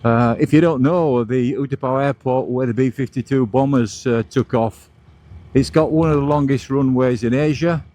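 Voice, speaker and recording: A man's voice: mid-range voice, normal speed, mellow. A man giving casual, chatty motovlog commentary like a tour guide while riding outdoors, with vehicle and wind noise around him. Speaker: motorcycle vlogger and host. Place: outdoors, riding a motorbike along roads.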